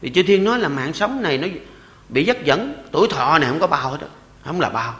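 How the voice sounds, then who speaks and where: Older monk in his 60s, southern vietnamese accent, bright lively voice, jokey sermon, slows down for chants. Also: on the high side, reverberant, long reverb tail. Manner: lively and joking, often chuckling; slows to recite verses and repeated chants. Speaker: Buddhist monk giving a dharma talk.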